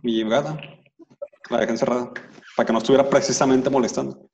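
A man with a Mexican accent hosting a casual podcast chat, tossing in quick joking asides with crude slang over a remote call. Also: mid-range voice, fairly even intonation, gravelly, a little mellow. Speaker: podcast host. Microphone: remote call audio. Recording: lo-fi remote call, faint noise.

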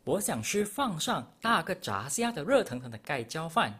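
A young man doing a raspy greedy wolf. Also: on the high side, very animated, normal speed, fairly bright tone, full character voice. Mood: eager. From Malaysia. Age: young adult. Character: big hungry wolf, eager then sheepish. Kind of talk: storybook reading.

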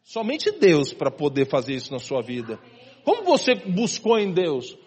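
High-voiced husky male pastor preaching. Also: wildly swooping pitch, moderate pace, a little mellow. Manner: conversational preaching, calls listeners "irmão". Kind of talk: sermon.

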